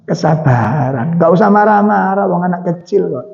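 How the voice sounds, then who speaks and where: Javanese-accented preacher, high voice, hall reverb. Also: male voice, lively intonation, moderate pace, creaky. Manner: chatty storytelling with questions to the audience. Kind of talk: mosque sermon. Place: mosque hall. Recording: dull sound with long hall reverb.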